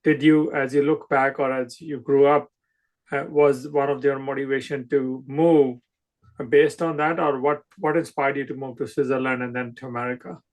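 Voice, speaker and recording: This middle-aged man hosts a podcast, chatting casually with a guest in an interview and often hesitating with fillers and restarts, though his show intro is emphatic and scripted. His voice is medium-pitched and darkish, with fairly even intonation and a moderate pace. The recording quality is low.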